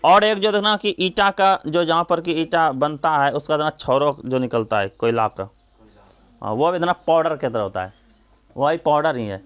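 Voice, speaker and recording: Guy teacher running a class, fairly high voice, keeps asking questions then answering them. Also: moderate pace, fairly bright tone, clean tone. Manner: drills students with repeated questions and answers. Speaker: coaching teacher. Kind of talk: classroom grammar lesson.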